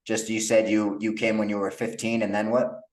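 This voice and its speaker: A young adult man hosting a casual interview podcast, relaxed and full of fillers. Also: fairly low pitch, normal speed, recorded from a distance. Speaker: podcast host. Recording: echoey room, off-mic.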